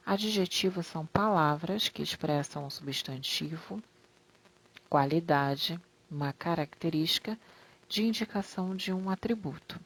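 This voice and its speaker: A woman teacher giving a slide-based grammar lesson to young pupils, explaining slowly, stretching out example words and addressing the class fondly. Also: on the low side, vocal fry. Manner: affectionate toward pupils.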